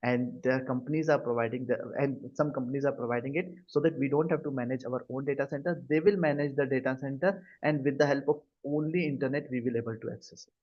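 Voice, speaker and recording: The instructor, who has an Indian accent, moves through his live cloud computing class at a quick pace with few pauses, in a mid-range voice with fairly even intonation. Short questions to check understanding come often, over dull, lo-fi call audio.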